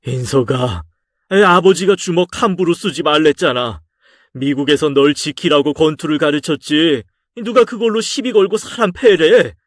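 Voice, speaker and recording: A man's voice: on the high side, unhurried, no echo, clean studio sound, pitched above the performer's own voice, natural voice. A man reading a story aloud and voicing a stern, exasperated middle-aged father who scolds his son in a raised voice. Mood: scolding. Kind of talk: audio drama story reading.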